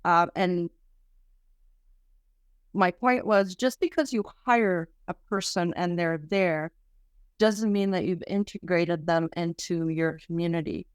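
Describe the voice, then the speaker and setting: A middle-aged Quebec woman talks in a podcast interview, earnest and halting, often circling back to restart a thought. Her voice sits a little low and sounds smooth and clear. The sound is dry and close. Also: dry recording. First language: French. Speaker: research center director.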